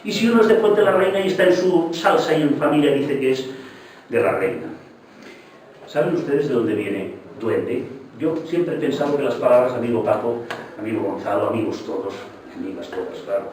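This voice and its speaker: A man's voice: medium pitch, fairly quick, slight background noise. Older professorial man in an echoey hall. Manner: professorial, digressive, lively emphasis. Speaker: lecturer. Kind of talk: public talk. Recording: echoey hall, mic from far off.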